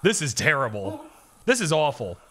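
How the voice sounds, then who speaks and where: A man's voice: a little high, big pitch swings, normal speed, a crowd in the background. An American man doing casual, joking, profane live reaction commentary as a streamer. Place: indoor home streaming room.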